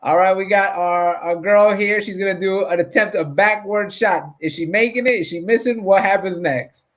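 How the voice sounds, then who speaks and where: An upbeat man hosting a loose comedy chat, quizzing his guests. His voice sits notably high for a man. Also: normal speed. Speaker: host. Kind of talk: casual chat.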